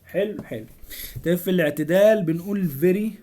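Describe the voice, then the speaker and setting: A man with an Egyptian Arabic accent, working through a lecture from slides as a student tutor. He reads out English terms haltingly and then translates each one. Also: sits high, dark tone.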